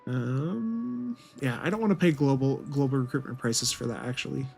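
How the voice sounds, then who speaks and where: A man's voice: mid-range voice, moderate pace, gravelly, a little mellow, faint music behind. A man thinks aloud in casual commentary as he plays a strategy game. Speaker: gaming video host.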